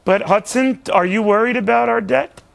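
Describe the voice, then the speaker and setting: A man's voice: high-pitched, moderate pace, creaky, a bit bright. A man hosting a television interview in a conversational broadcast style, often backtracking and repeating his words. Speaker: TV news interview host.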